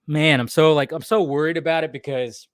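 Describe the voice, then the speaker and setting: This pop-culture livestream host chats casually and loosely with his viewers, repeating his phrases a lot. His voice is a little high with fairly even intonation and a fairly quick pace, captured in clean studio sound with no room noise.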